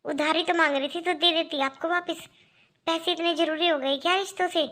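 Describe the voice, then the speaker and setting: A woman voicing a young married daughter who speaks loudly and reproachfully in a cartoon. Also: extremely high pitch, little pitch movement, fairly quick, full character voice. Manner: loud, reproachful.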